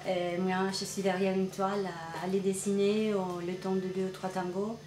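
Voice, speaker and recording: A woman's voice: mid-range voice, flat delivery, moderate pace, dark tone. Argentine-born woman painter, roomy gallery. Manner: thoughtful, searching for words. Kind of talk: interview. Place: indoor art gallery. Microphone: camcorder mic, medium framing. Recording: roomy gallery with music behind.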